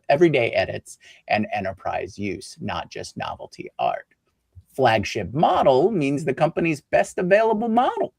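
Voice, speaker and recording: In a news segment, a male co-host reads a tech story, slipping in and out of an announcer voice. His mid-range voice is gravelly, and there's no room sound.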